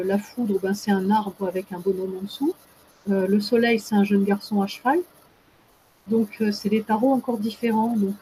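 Mellow-voiced woman explaining with many hesitations. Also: mid-range voice, a little hiss or hum, poor audio. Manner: hesitant, many fillers and restarts. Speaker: guest expert. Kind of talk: casual explanatory talk.

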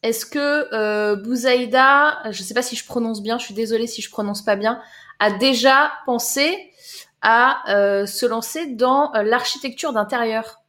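A woman's voice: on the high side, a little slow, a bit bright. A woman coach talking casually on a live stream, answering viewers' chat comments in a loose, chatty way with many repeats and fillers. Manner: chatty, loose, repeats words and fills with euh. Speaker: life coach.

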